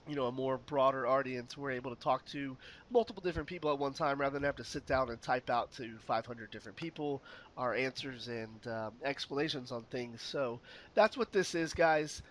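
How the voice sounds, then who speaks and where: A man hosting a relaxed podcast chat while getting over a cold, easygoing and joking with lots of fillers. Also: medium pitch, brisk. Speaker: podcast host.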